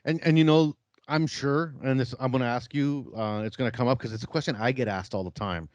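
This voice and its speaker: A man's voice: medium pitch, brisk, dry recording, lo-fi sound. A man from Chile hosting a podcast, talking in an upbeat, chatty way. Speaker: podcast host. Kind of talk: casual interview chat.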